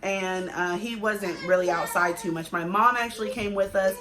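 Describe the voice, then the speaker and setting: A woman's voice: medium pitch, fairly even intonation, moderate pace, background noise. A young adult woman vlogging as a mother, chatting casually and conversationally to viewers, repeating herself for emphasis. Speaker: family vlogger, pregnant mother. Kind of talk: casual chat to viewers, pregnancy update.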